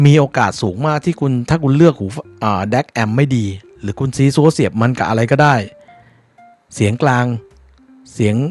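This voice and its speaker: A man's voice: medium pitch, darkish tone. A Thai man giving a casual spoken review of earphones, repeating points to stress them.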